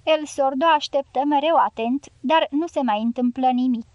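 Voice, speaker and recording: A woman narrating a novel as an audiobook in a steady, even storytelling manner. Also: high-pitched, no room sound.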